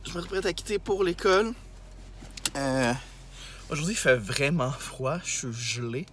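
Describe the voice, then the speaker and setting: In a casual vlog diary of his teaching day, an elementary school teacher from Québec talks at a moderate pace in a voice on the high side. He rambles frankly and fills his speech with fillers, his Québécois French accent clear.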